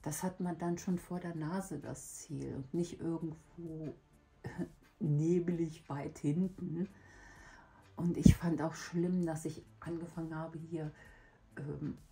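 A woman chatting casually and reflectively to her viewers, hoarse from a lingering cough, her weak voice giving out and breaking into breathy whisper. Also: sits low, steady tone, takes it slowly, dark tone. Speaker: hobby video host. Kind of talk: casual personal chat to viewers.

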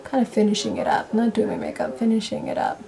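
Excited chatty woman vlogger. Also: a little high, quick pace, creaky. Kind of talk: casual makeup vlog.

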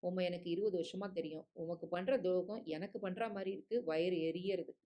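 A woman voicing an angry, meddling middle-aged father who rants loudly and indignantly in a read-aloud story. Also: sits high, steady tone, fairly quick, muffled recording, close to an everyday voice. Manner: loud, indignant, ranting.

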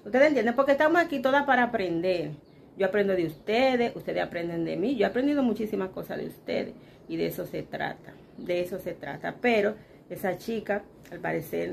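This Dominican vlogger, an adult with kids, has a gravelly, mid-range voice and a Dominican Spanish accent. Sitting in her bedroom, she chats casually to her viewers, calling them "chicas" and performing what other people said to her, with a little hiss or hum in the background.

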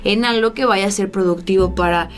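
A woman's voice: medium pitch, fairly quick. A young woman in her twenties from Mexico, hosting political commentary in a small studio, indignant and talking with her hands. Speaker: host. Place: small studio with blue backdrop.

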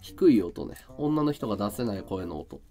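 A male live streamer in casual chat, with a high, carrying voice, explaining his audio setup. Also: expressive, moderate pace, dark tone, faint music behind. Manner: chatty, explains his audio gear and voice tricks. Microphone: desk mic through an audio interface and mixer.

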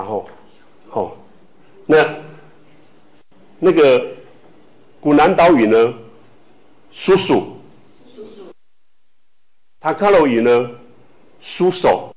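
A man from Taiwan teaching a language class, speaking slowly with many filler tags and repeating words for students to echo. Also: mid-range voice, a little mellow. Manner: filler-heavy speech with frequent "hou" tags.

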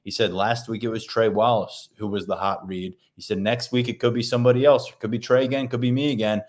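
A man's voice: on the low side, steady tone, fast talker. A man co-hosting a sports podcast as a beat reporter, steadily relaying what players told him after the game. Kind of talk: casual sports podcast analysis.

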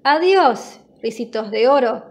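A woman narrating a children's storybook in a slow, clear, gentle storytelling manner. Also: a little high, lively intonation.

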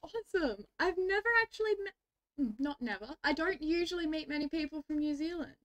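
A woman's voice: high-pitched, brisk. An Australian woman streaming a game, chatting casually with viewers and greeting them with frequent giggles. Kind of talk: casual livestream chat.

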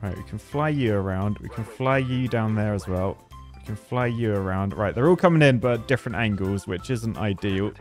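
A British man with a fairly low, darkish voice talks a little fast while hosting a gameplay video, soft music playing behind him. He offers casual, jokey live commentary, chatting and thinking aloud as he plays.

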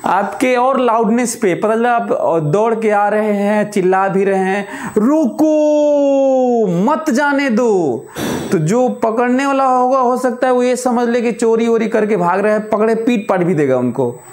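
A man teaching a physics lecture, explaining by repeating examples aloud with long pauses and slowly dictating notes. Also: high voice, a little mellow, roomy sound. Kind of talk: classroom lecture.

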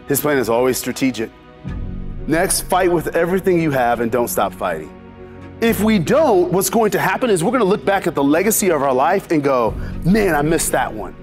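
A man in his forties delivers an inspirational faith talk with a preacher-like, storytelling flow. His voice sits a bit high and swings widely in pitch as he builds each point. Soft music plays faintly underneath. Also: sing-song, a little fast. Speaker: motivational speaker.

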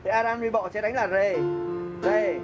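A man's voice: high-pitched, steady tone, normal speed, over loud music. A man giving a casual keyboard lesson, chatty, counting beats aloud and humming melodies as he plays. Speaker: music teacher. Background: keyboard playing.

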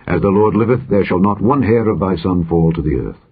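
A man reading the part of a grieving old king, his voice lowered and measured. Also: breathy edge. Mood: grave. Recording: dull lo-fi audio recording.

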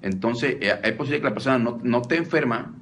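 Talking at a quick pace in a medium-pitched, fairly bright voice, this deliverance preacher teaches on the subject casually. He repeats himself a lot, restarts often and calls his listeners brother, with slight background noise audible.

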